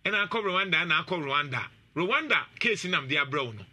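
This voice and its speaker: Man, talk show host, very bright tone, slightly high voice, animated. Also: normal speed. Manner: animated, laughs often. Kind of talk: casual commentary mixing Twi and English.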